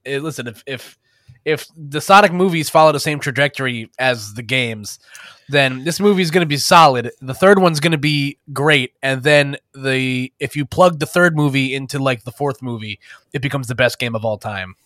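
A young man in a gaming podcast talks in an animated, joking way, with a mid-pitched voice. His sound is close and dry, as if recorded at a home mic. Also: moderate pace, no echo. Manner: animated, joking, says "listen" a lot. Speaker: podcast co-host, esports commentator. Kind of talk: casual podcast chat.

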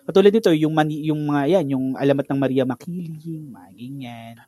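A man's voice: a little high, a little fast, mellow, no echo, studio quality. A Filipino-accented man chatting casually as a podcast co-host, slipping English phrases into his talk. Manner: chatty, mixing English into Tagalog.

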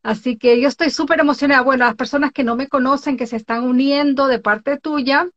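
A woman from Ecuador hosts a live online interview show from home. Her voice sits a little high, and she talks in a chatty, exclamatory way with frequent laughs. The call audio sounds dull and lo-fi. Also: steady tone, a little fast, fairly bright tone. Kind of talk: casual live-stream chat. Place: home in Norway. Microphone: video call.

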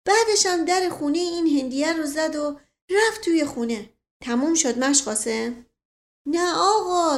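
Boastful old manservant read by a woman; high-pitched, folksy and rambling. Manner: rambling tall-tale telling. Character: boastful old male family servant, folksy.

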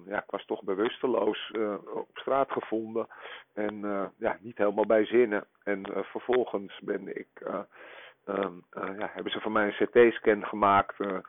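A man in his forties leaving a rambling voicemail, played back over a phone line, talking haltingly with many hesitations. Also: fairly low pitch, no echo. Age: 40s. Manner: halting, full of hesitations and filler sounds. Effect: voicemail message played over a phone line. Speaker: podcast co-host.

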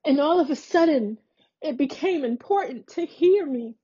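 A woman's voice: sits high, expressive, moderate pace, dark tone, highs cut off. A woman hosting a podcast, earnestly and emphatically retelling a personal experience. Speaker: podcast host. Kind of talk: personal storytelling.

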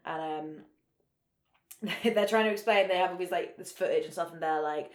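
A woman's voice: fairly low pitch, moderate pace. A woman co-hosting a casual podcast, retelling film scenes with giggles and quoted dialogue. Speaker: podcast co-host. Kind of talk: casual chat recapping a film. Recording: roomy echo.

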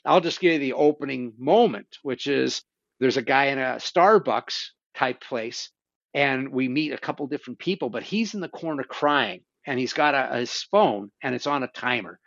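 A man's voice: mid-range voice, lively intonation, normal speed, vocal fry, fairly bright tone, dry recording, highs cut off. A man hosting a show, casually and animatedly retelling horror stories, swearing now and then. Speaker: podcast host. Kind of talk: casual conversation about horror films.

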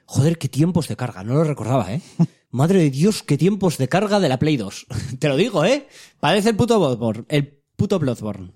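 A man's voice: on the high side, big pitch swings, normal speed, mellow. A man with a Spain Spanish accent, co-hosting a casual gaming podcast. He talks in a loose, rambling way and swears freely. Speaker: podcast co-host.

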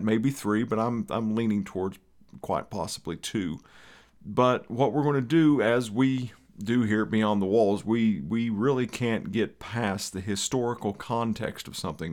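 A man with an Eastern Kentucky accent hosting a podcast in a conversational, rambling way with folksy asides. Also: on the low side. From Eastern Kentucky, USA. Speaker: podcast host.

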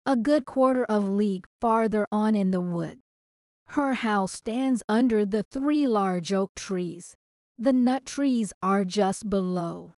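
A woman putting on a young, innocent storybook girl, earnest and trusting. The voice is soft and mellow, with an unhurried, gentle pace. It sounds close and dry, with no room around it. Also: medium pitch, no room sound. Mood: chatty. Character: little girl in a red cap, innocent and trusting.

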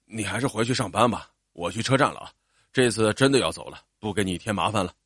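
A stubborn, gruff old country father, voiced by a male storyteller. He speaks in a lowered voice with short, insistent lines. The recording is dry and close, with no room sound. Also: animated, quick pace, fairly bright tone, no room sound. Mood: meek. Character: elderly rural father, stubborn and caring.

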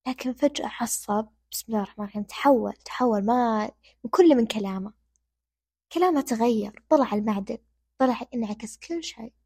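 A woman's voice: a little high, a little fast, dark tone, slightly rough, dry recording, clean studio sound. A young woman gives earnest, casual advice as the host of her own talk, repeating points for emphasis.

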